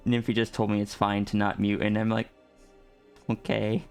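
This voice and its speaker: A man's voice: on the low side, monotone, quick pace, darkish tone, smooth, faint music behind. A man streamer chatting casually, hesitant and polite, often restarting his sentences. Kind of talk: casual chat on a group stream.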